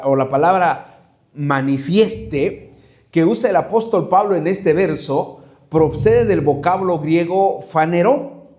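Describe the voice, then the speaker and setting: A man's voice: sits high, darkish tone. A middle-aged man preaching a sermon as pastor, conversational and hesitant, often repeating words and asking the congregation to repeat after him.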